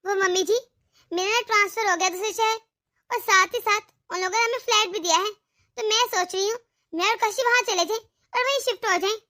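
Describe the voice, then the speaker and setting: A woman's voice: very high voice, brisk, bright, forceful tone. A woman voicing a bold, demanding young working wife in a cartoon, with a bossy manner. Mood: smug. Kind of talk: cartoon voice acting.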